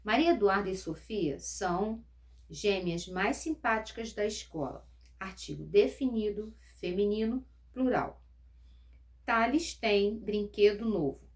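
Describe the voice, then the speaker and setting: A woman teacher talks her pupils through a grammar review at a patient pace. She repeats key words slowly and addresses the class directly. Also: medium pitch, expressive. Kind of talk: recorded lesson reviewing school grammar.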